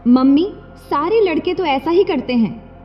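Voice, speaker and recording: A casual young son who answers back with an easy, teasing calm, as a woman acts him out. The voice sits high and bright for a young man. It comes through a dull, lo-fi recording with a long reverb tail. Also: measured pace, faint music behind. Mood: cheeky. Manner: teasing, unbothered.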